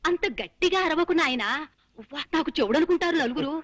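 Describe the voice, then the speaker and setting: A woman's voice: sits high, expressive, fast talker, a bit bright. An actress playing a sickly, hard-of-hearing old mother who complains fretfully in a film drama. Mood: complaining. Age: older.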